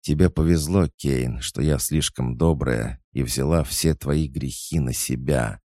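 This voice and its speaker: A man's voice: a bass voice, unhurried, mellow, no room sound, studio quality, pitched above the performer's own voice. Man voicing a tense young empress. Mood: defiant. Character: weary, frightened young empress.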